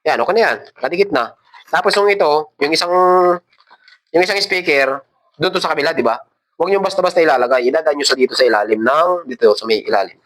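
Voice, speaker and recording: With a Filipino accent, a man leads an informal hands-on tutorial, casually walking through each step as he handles parts. His voice is a little high and a bit bright, quick, with lively intonation.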